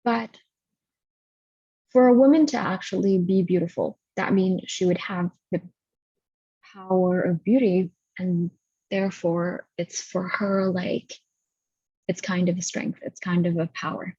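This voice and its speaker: A woman hosting a guided healing session over a video call, talking haltingly and stopping to gather her thoughts. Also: on the low side, fairly even intonation, dark tone, breathy edge, dry recording. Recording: dull lo-fi audio.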